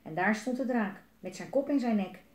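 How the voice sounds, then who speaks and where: A woman reading a children's book aloud in a lively way, with chatty asides to young listeners, in a roomy space. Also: medium pitch, moderate pace. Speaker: storyteller. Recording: roomy echo.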